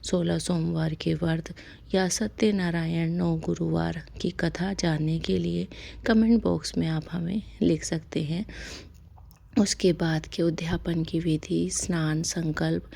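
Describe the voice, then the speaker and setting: Female devotional host, low gravelly voice, unhurried soft-spoken instruction with whispered line endings. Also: steady tone. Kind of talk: devotional instruction on a fasting ritual.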